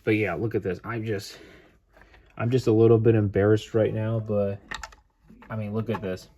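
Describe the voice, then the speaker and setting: A man who runs a model train hobby channel talks to his vlog at home beside a staircase, sighing and dejected, almost in tears. His fairly low, warm voice stays level at a moderate pace as he rambles with lots of "like" and restarts, over slight background noise.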